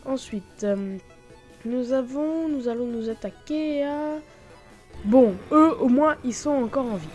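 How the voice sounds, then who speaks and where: A woman giving a chatty, excitable commentary while showing a game mod, with lots of fillers and sudden exclamations. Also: high voice, slow, faint music behind. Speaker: gaming YouTuber. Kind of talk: Minecraft mod showcase commentary.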